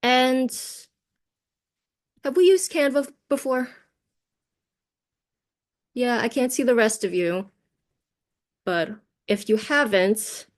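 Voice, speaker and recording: Leading a teaching workshop through a video call, this presenter speaks in a voice on the high side. She is American with Cantonese as her first language, and she talks conversationally, regularly checking in with tag questions.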